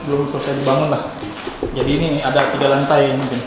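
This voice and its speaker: A man hosts a casual night exploration vlog. He talks quickly but hesitantly, feeling for his words, with clear cricket and insect noise behind him. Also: mid-range voice, flat delivery. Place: school building at night.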